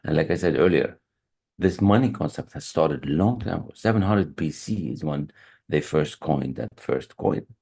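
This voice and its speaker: Over a computer mic on a video call, a high performance coach leads a motivational online lesson from an online meeting room. His very deep voice is dark and husky with vocal fry, lively in intonation and at normal speed, and he speaks earnestly, repeating key phrases and restarting sentences.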